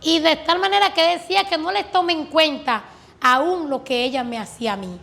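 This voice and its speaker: A woman's voice: high-pitched, moderate pace, creaky, fairly bright tone. A woman earnestly telling her religious testimony as a guest, recounting prayers and answers with fervent conviction. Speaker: guest giving a faith testimony.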